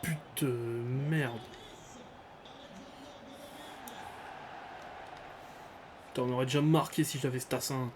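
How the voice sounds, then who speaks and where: A frustrated man rages while gaming. He swears in casual, blunt bursts at a middling pitch. Game noise is clearly audible behind him. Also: fairly even intonation, brisk. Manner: raging gamer, frustrated, cursing. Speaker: gamer. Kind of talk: gameplay commentary, casual swearing.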